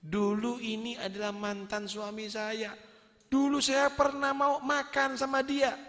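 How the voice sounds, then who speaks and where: A man's voice: extremely high pitch, little pitch movement, measured pace, fairly bright tone, in a large hall, voice pushed up, full character voice. A man voicing a wailing, distraught young wife. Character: distraught young wife, former rich woman's partner.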